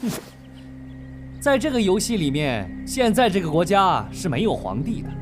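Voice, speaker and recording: A man playing a cocky modern young man trapped in an ancient-times game, talking boastfully and smugly in a comedy drama. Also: sits high. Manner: boastful, smug.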